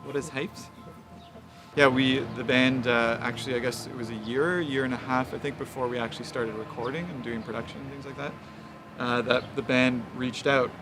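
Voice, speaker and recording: Producer type, level voice, halting speech with lots of ums, outdoors with loud traffic behind. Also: male voice, medium pitch, steady tone. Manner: hesitant, many fillers. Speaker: record producer. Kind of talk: reflective interview answer. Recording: outdoor street noise behind voice.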